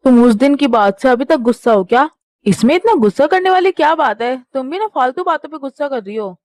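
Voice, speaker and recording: A woman's voice: high voice, animated, quick pace, a little mellow, dry recording, clean studio sound, voice pushed down. A woman doing a teasing young husband. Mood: coaxing. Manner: coaxing, playfully teasing. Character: teasing young husband, busy office man. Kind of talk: fan audio drama.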